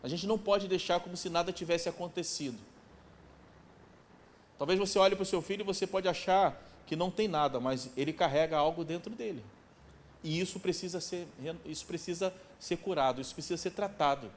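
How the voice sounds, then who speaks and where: A man in his forties preaching a sermon as pastor in a church, emphatic, repeating key phrases and dropping to a soft pleading tone. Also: high-pitched, brisk. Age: 40s. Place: church sanctuary.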